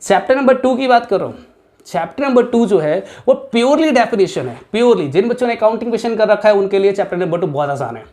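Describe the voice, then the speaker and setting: A man's voice: sits high, animated, fast, darkish tone. A male accounts teacher giving students an emphatic exam-prep lesson, repeating key points and mixing English terms into his speech.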